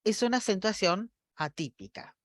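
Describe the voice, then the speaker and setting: A woman's voice: medium pitch, animated, moderate pace, no room sound. Dry-sounding woman lecturing. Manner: explanatory, often checks in with the audience. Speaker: university lecturer. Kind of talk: academic lecture.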